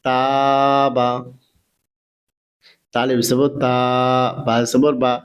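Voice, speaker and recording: Bengali accented guy teaching letters real slow, spelling each one out, steady mid voice. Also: medium pitch. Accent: Bangladeshi Bengali. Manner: measured, drills letters one by one. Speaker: Quran reading teacher. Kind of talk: slow spelling-out recitation lesson.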